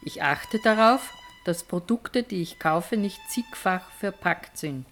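A woman in her seventies speaks slowly and calmly. Her short scripted statement is matter-of-fact. Faint music plays underneath. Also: medium pitch. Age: 70s. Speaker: elderly climate activist.

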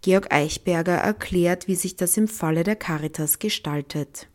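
A woman reporter reading scripted news links in a crisp, neutral way. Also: on the low side, moderate pace. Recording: faint music underneath.

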